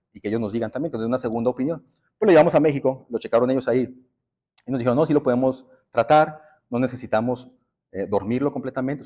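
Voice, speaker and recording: In a church sanctuary, a male pastor with a warm, medium-pitched voice delivers a sermon. His preaching takes the form of casual storytelling, and he addresses the congregation as brothers.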